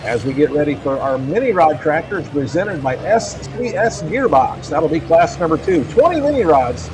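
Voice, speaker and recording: A man's voice: a little high, expressive, moderate pace. A man working as a tractor pull announcer, calling results to a crowd outdoors and drawing out numbers and names with repetition. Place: outdoors at a county fair track. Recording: loud engine noise, outdoor fairground.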